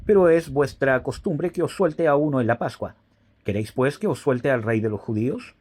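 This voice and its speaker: A man voicing the Roman governor Pilate in a spoken Bible reading, in an earnest, questioning way, with a husky voice. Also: medium pitch, normal speed, a little mellow, close to an everyday voice.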